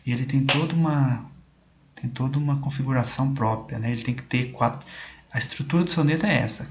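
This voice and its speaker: A man's voice: medium pitch, a little fast. A male teacher explaining a poem in an online class, in a chatty way that often checks in with the students and repeats words while he thinks. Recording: dull lo-fi recording with faint noise.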